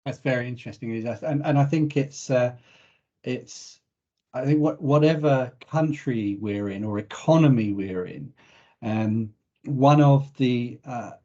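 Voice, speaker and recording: A man, the head of the institute, giving measured, reflective remarks on a webinar with small restarts. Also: mid-range voice, warm tone, highs cut off. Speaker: chief executive of the host institute. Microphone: video call.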